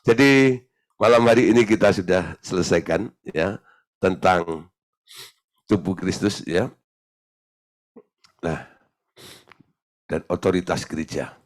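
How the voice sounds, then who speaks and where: A male pastor telling a story in a teaching sermon, lively and often laughing. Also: sits low, takes it slowly, long pauses.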